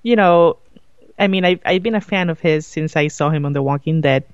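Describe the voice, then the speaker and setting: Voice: medium pitch, fairly quick, clean tone, no echo, highs cut off. A co-host in a casual chat, speaking hesitantly with many restarts and frequent laughter.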